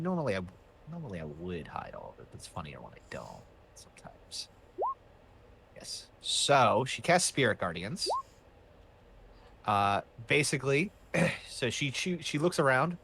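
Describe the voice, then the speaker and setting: A man's voice: mid-range voice, very animated, normal speed, creaky, bright, forceful tone, a little hiss or hum. A man narrating as game master in a casual, loose way, with many fillers and restarts.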